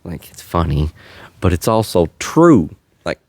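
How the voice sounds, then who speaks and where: A man's voice: sits low, sing-song, a little slow, a little mellow, no echo, clean studio sound. A man hosting a faith-based podcast, talking in an earnest, slightly preachy way and chuckling often. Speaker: podcast host. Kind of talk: faith-based casual chat.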